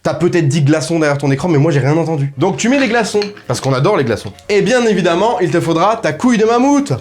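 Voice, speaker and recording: A man's voice: fairly high pitch, animated, fast, a little hiss or hum. A man hosting a comedic cocktail tutorial, talking straight to the viewer in crude, ironic, mock-serious patter. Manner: addresses viewer directly. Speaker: host.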